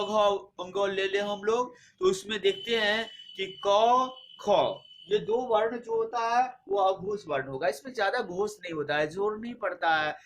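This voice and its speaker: Brief: male teacher, high voice, patient exam-prep drilling of letters. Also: slight background noise. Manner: patient, repeats letters slowly and drills points for exams. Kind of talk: Hindi grammar lesson for exam students.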